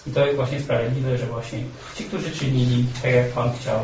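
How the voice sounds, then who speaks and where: A man preaching a sermon in a halting way, with many fillers and restarts. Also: mid-range voice, little pitch movement, noisy background. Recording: echoey, dull, from far off.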